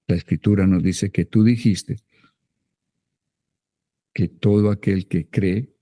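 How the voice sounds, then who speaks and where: A Colombian man, a pastor, leading fervent prayer and chanting slow syllables in tongues. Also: low-pitched, creaky, dark tone, slightly rough, dry recording, clean studio sound. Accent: Colombian Spanish. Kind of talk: led prayer and speaking in tongues.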